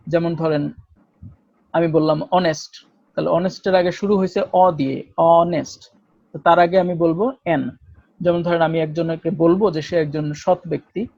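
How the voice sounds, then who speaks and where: A Bangladeshi man teaching a spoken English class, explaining slowly and switching between Bengali and English examples. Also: sits high, gravelly, mellow, no echo. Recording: dull, dry lo-fi recording.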